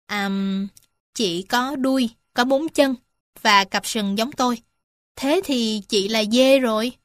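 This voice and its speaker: A woman's voice: sits high, normal speed, fairly bright tone, dry recording, studio quality. A woman voicing a hesitant young goat in a children's storybook, stammering a little.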